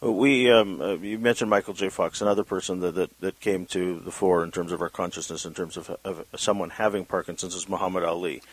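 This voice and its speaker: A male interviewer with a fairly low voice and a dry, close sound. He speaks conversationally and gropes toward his questions, repeating words as he goes. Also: fairly even intonation, fairly quick, few pauses, dry recording. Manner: tentative, repeats words while framing questions. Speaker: podcast interviewer.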